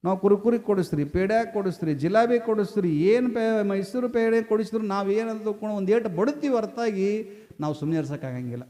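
A man's voice: high voice, fairly quick, mellow. A man with a North Karnataka accent preaching a storytelling sermon, folksy and often asking his listeners for a response. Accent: North Karnataka Kannada. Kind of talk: storytelling sermon to a village gathering.

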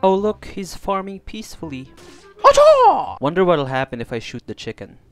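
Loud, swearing young gamer man. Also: fairly high pitch, lively intonation, fairly quick, no echo, soft background music. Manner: loud, profane, joking, yelling at enemies. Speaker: gaming commentator. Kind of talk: let's play commentary.

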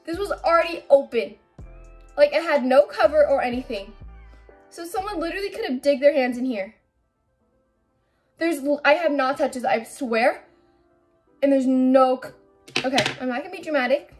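A woman's voice: high voice, animated, moderate pace, long pauses, faint music behind. A young woman vlogging casually at home into a camera mic, chatty and a little anxious, rambling and restarting her sentences. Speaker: beauty vlogger. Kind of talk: casual vlog chat.

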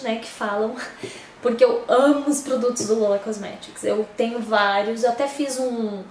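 A woman's voice: on the high side, darkish tone. A woman giving a casual, rambling product review, full of fillers and restarts, recorded at home on a camera mic. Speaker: beauty vlogger. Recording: roomy echo, distant camera mic, faint background hiss. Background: faint street noise.

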